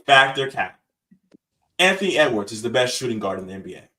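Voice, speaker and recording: A man's voice: mid-range voice, very animated, a little fast, bright, forceful tone, recorded from a distance, rough recording. A man hosting a casual sports podcast, confident and pressing his guests for answers. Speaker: podcast host.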